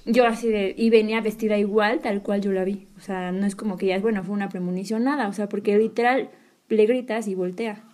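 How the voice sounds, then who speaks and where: A woman's voice: medium pitch, fairly even intonation, a little fast, darkish tone. A woman with a Mexican Spanish accent telling a personal story in casual chat, acting out her own reactions.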